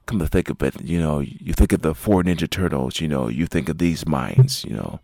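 A man's voice: a bass voice, moderate pace, creaky, darkish tone, dry recording. A man hosting his own podcast as a martial arts instructor, talking casually and rambling with lots of fillers and restarts. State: sleepy, yawning. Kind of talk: casual solo podcast talk.

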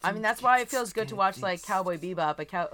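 A woman's voice: medium pitch, fast talker, a bit bright. A woman chatting casually as a podcast guest, blunt, bawdy and comically rambling. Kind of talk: casual comedic chat.

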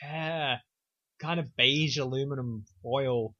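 A young man casually recapping a film on a podcast, sarcastic and animated, slipping into silly voices. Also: mid-range voice, takes it slowly, no room sound. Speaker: podcast co-host. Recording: dull lo-fi dry recording.

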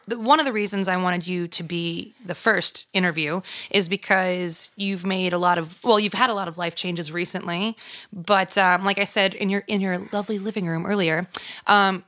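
A woman hosting a podcast, chatting casually and excitably as she interviews a friend. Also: mid-range voice. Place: living room.

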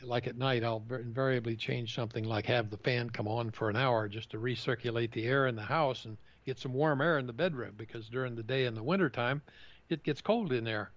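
A man co-hosting a casual tech chat who speaks haltingly and often restarts his sentences. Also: mid-range voice. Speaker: tech podcast co-host. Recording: dull, slightly muffled dry sound.

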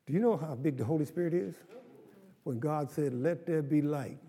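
A man's voice: fairly high pitch, normal speed, mellow, long reverb tail. An older man, a pastor preaching a sermon with call-and-response to his congregation.

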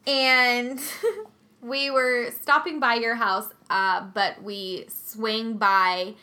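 A young woman co-hosting a casual chat podcast, a new mother telling stories in a giggly, animated way. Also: fairly high pitch, extremely slow.

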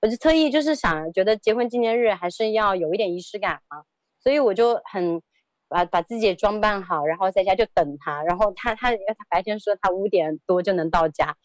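A woman's voice: mid-range voice, animated, fairly quick, dry recording. A woman in her thirties telling a personal story as an interview guest, hesitant, often repeating words and laughing.

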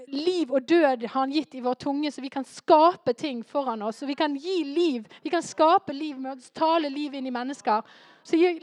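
A woman preaching a sermon in a lively way, rising to fervent emphasis. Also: high-pitched, dry recording.

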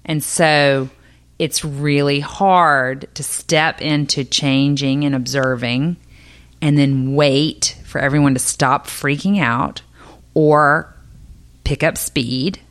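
A woman's voice: low-pitched, fairly even intonation, takes it slowly. A woman co-hosting a podcast, affirming and reflecting on what others say. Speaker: podcast co-host. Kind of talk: conversational chat.

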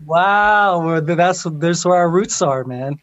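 A man with a slightly high voice talks casually as an interview guest. His delivery is informal and laid-back, like someone reminiscing with a friend. The sound is a little dull, as on an online call. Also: takes it slowly, fairly bright tone. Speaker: interview guest, steel pan musician.

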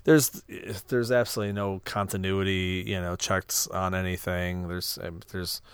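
Low-voiced man with dry, sardonic remarks. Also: flat delivery, moderate pace, clean tone, no echo. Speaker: podcast co-host. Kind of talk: casual movie-review chat.

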